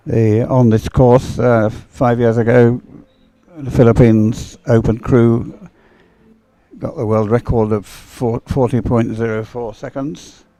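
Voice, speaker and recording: A male race commentator calls the action live in a mid-range, soft-edged and mellow voice. He's unscripted and halting, often hesitating and drifting off track. The recording is dry, with very little room sound.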